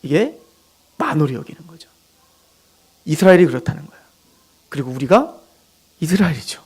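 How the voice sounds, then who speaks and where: A male pastor giving an animated, emphatic sermon with personal asides. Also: fairly high pitch, brisk, husky.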